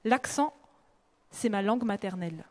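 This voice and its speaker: A woman novelist reading a passage of her own book aloud in a lively, expressive way. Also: medium pitch, moderate pace.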